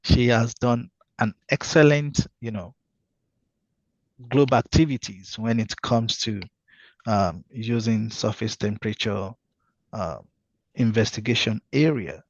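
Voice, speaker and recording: A man's voice: fairly low pitch, slow, dry recording. A man hosting an online webinar, introducing guests with many fillers and restarts. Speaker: webinar host. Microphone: video call microphone. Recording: dull, dry video call audio.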